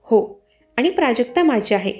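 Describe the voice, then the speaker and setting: A woman voicing an obsessed, possessive older man who shouts and clings to a woman he calls his own. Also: very high voice, lively intonation, moderate pace. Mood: obsessive. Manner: possessive, yelling.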